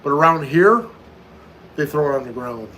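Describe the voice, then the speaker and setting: A man's voice: a little high, lively intonation, normal speed, a bit bright, a little hiss or hum, low-quality recording. An American man in his fifties chatting casually on a live stream, answering viewer questions one after another and often repeating himself. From United States. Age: 50s. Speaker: livestream host.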